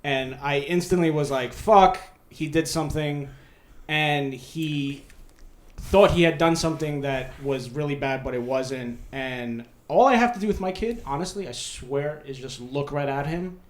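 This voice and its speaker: A man's voice: on the high side, moderate pace, echoey room. A man who grew up in New York, telling stories bluntly in a casual podcast chat, swearing often.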